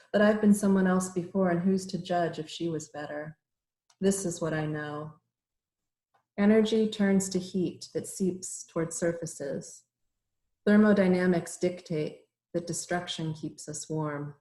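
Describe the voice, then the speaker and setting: A middle-aged woman reads her poetry aloud, unhurried and deliberate, her voice sitting a little low. She introduces each poem haltingly, with plenty of pauses and fillers. The sound comes through a computer mic on a video call, in a room with noticeable echo. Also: fairly even intonation, dark tone. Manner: measured, hesitant introductions with many fillers. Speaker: poet. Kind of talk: poetry reading with short introductions. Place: home room on a virtual reading call. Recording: roomy echo.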